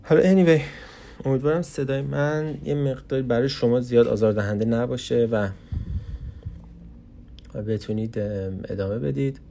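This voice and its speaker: A tired young man speaks off the cuff in his own podcast, pausing often and searching for words. His voice is low, dark and gravelly. A faint rumble of noise sits under the recording. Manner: hesitant, many pauses and fillers. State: tired from lack of sleep. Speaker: podcast host. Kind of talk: unscripted personal podcast monologue. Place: small office, alone.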